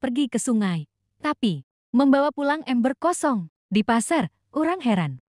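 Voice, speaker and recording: A woman narrating a children's folk tale in a scripted storytelling style, expressive and animated. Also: high voice, normal speed, no echo, studio quality.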